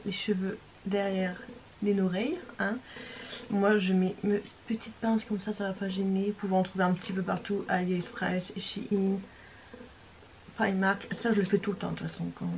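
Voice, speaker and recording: A young woman chats through a beauty tutorial at an ordinary, mid-range pitch. She rambles with plenty of fillers and now and then slips into a whisper. A faint hiss of noise sits under the recording. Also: darkish tone. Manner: chatty and rambling, many fillers, drops to a whisper at times. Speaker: beauty vlogger. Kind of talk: casual makeup tutorial chat.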